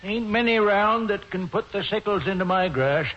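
Old rural New Englander, high voice, deadpan, terse, folksy, muffled vintage radio comedy. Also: male voice, normal speed. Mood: dry, deadpan. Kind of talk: 1940s radio comedy acting. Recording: muffled 1940s radio with hiss.

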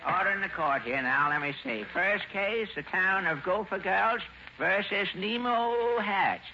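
A man's voice: sits high, measured pace. A man playing a fussy, folksy small-town judge in 1940s radio comedy, repeating himself as he scolds. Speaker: comedy host and straight man. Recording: muffled, very noisy old radio recording.

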